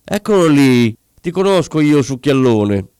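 A man puts on a fussy, self-important official who fires off raised, exclamatory lines, with his pitch swinging high and the sound kept dry and close. The figure is nervous, vain and quick to get excited in this storybook reading. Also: clear, resonant tone, no room sound. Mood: cheerful. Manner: raised, exclaiming, higher than the narration.

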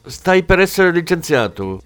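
A man's voice: fairly high pitch, very animated, measured pace, a bit bright, clear, resonant tone, soft background music, pitched above the performer's own voice. A man voicing an irritated male desk sergeant in an audiobook, curt and defensive.

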